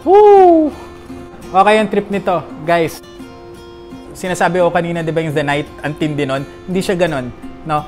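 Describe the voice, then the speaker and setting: A man's voice: on the high side, fairly quick, faint music behind. A man from the Philippines hosting a casual perfume review vlog, chatty and jokey, constantly checking in with his viewers. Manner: chatty, peppers talk with tag questions; animated, jokey asides.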